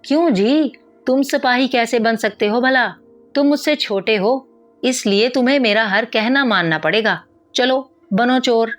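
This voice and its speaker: A woman voicing a bossy, rough bully boy who shouts and scolds in a storybook. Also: high voice, expressive, soft background music, voice pushed up. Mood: bossy shouting.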